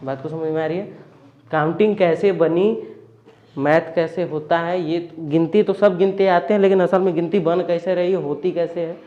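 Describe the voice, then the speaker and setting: A man's voice: on the high side, fairly even intonation, normal speed, phone-quality sound. A man teaching a classroom lesson, often stopping to ask the students whether they follow. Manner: questioning, checks understanding often. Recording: echoey classroom.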